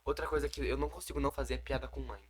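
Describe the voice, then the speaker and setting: A man's voice: mid-range voice, steady tone, racing, a crowd in the background. A teenage boy with a sore throat co-hosting a podcast, full of slangy joking banter. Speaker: podcast co-host. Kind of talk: casual chat.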